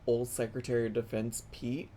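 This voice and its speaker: A male host giving sassy reaction commentary, swearing and bursting into yelling. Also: medium pitch, little pitch movement, normal speed.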